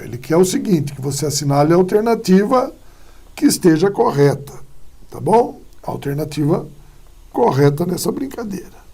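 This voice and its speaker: Male teacher, mellow and gravelly, exam-prep lesson with running tag questions. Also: a little high. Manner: explanatory, full of tag questions like "tá?" and "ó".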